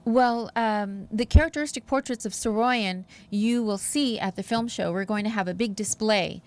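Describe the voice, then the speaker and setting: A woman as a TV interview guest, telling anecdotes and promoting an event with lively emphasis. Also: medium pitch, moderate pace.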